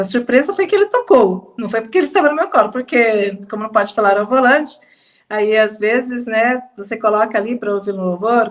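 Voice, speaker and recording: A woman with a Brazilian Portuguese accent telling a personal testimony in a slow, emphatic conversational way, slightly congested. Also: mid-range voice. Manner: slow, emphatic, with pauses and soft laughs. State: slightly congested, fighting sneezes. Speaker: testimony speaker.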